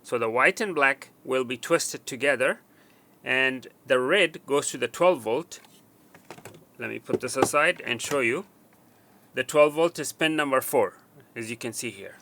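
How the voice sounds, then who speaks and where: Counting pins aloud as he points to each one, a technician walks through a wiring job at an indoor workbench in a bright, ringing, mid-range voice. It's a hands-on instructional walkthrough, and while working he speaks haltingly with lots of fillers and restarts.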